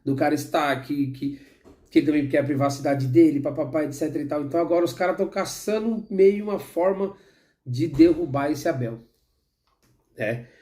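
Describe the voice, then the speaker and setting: Mellow-voiced Brazilian man ranting about football. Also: fairly high pitch, brisk. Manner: heated, rambling, frequent restarts and asides. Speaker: football commentator. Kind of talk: opinionated casual football talk.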